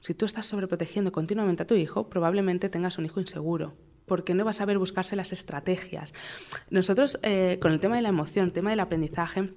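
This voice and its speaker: A young adult woman, a guest expert, calmly and patiently explaining parenting with everyday examples. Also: lowish voice, fast talker. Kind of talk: explanatory interview talk.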